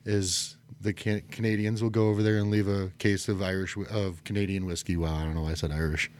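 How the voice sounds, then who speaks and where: A man's voice: low voice, little pitch movement, fast, darkish tone. A man co-hosting a casual podcast chat, rambling and correcting himself as he goes. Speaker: podcast co-host.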